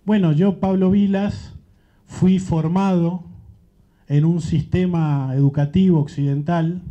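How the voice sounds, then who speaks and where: A man from Central America speaks slowly to a panel, thinking aloud in an earnest, searching way with fairly even intonation. His voice is somewhat high yet very dark and mellow. The audio is dull and muffled, like a lo-fi recording of a live event.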